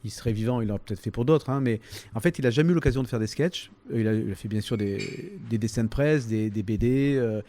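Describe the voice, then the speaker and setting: Provençal man, dark dry voice. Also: medium pitch. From southern France, Toulon. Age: 50s. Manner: halting, many fillers and restarts. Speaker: comedian, interview guest. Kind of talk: casual interview answers.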